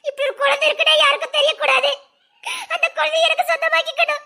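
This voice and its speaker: An actress playing a distraught young pregnant wife who feels betrayed, crying and shouting through bitter laughs in a TV serial. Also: female voice, extremely high pitch, level tone, fast, gravelly, heavily acted. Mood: anguished. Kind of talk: TV serial acting.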